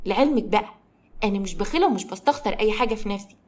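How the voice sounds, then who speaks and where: A woman's voice: medium pitch, lively intonation, racing, darkish tone, close to an everyday voice. A woman with an Egyptian accent voicing a stingy young wife who whines and defends herself. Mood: defensive.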